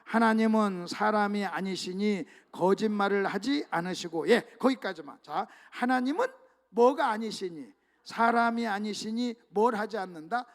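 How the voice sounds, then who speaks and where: In a church sanctuary, a pastor delivers a revival-meeting sermon, leading the congregation in call-and-response reading. His high voice moves at normal speed and swings between hushed asides and loud, emphatic exclamations.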